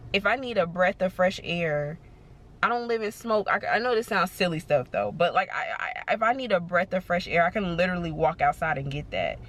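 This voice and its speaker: Young woman vlogger, casual and reflective, rambling pep talk to camera, mid-pitched. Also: fairly bright tone, a little hiss or hum. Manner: chatty and reflective, full of fillers and repeats.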